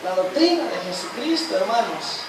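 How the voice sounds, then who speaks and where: A man's voice: sits high, big pitch swings, normal speed, slight background noise. A man teaching a church Bible study lesson, constantly quizzing the congregation with questions and calling them brothers. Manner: addresses listeners as brothers constantly. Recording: echoey church hall, mic far off.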